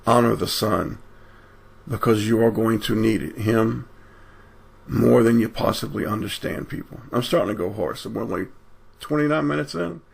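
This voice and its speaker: A man preaching online with fervent delivery, swinging between loud emphatic passages and low intimate asides. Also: moderate pace, gravelly, slightly rough. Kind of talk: impassioned preaching.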